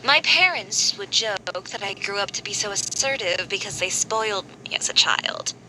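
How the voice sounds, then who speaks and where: A woman's voice: mid-range voice, expressive, moderate pace, background noise, lightly acted. A woman playing a proud, assertive young fashion designer in an anime video game, composed and wry in her delivery. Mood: fond, reminiscing. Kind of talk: anime video game dubbing, reflective storytelling. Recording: game music playing behind.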